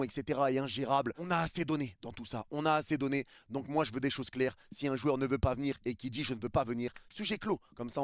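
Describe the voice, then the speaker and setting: A man's voice: mid-range voice, no echo, studio quality. A man giving emphatic, opinionated football news commentary to his viewers, repeating his points. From France. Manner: emphatic, repetitive, addresses viewers as "les gars". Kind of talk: opinionated casual commentary to camera.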